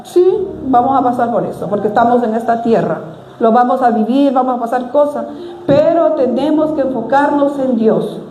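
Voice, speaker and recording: A woman's voice: on the high side, normal speed, mellow, echoey room, soft background music, low-quality recording. A middle-aged woman preaching a sermon in a church, earnest and exhorting, with frequent hesitations. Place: church hall.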